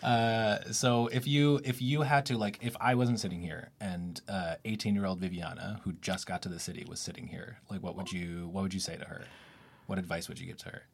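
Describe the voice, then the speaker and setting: Young male podcast host, very low husky voice, easygoing, filler-heavy questions. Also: a little fast. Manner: relaxed, rambling questions with many fillers. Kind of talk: casual interview chat.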